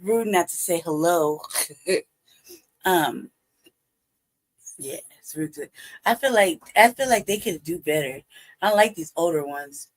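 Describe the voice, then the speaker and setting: This streamer's voice sits on the high side, moving at a measured pace with long pauses. He chats casually and in a rambling way about the videos he's showing, at times dropping nearly to a whisper.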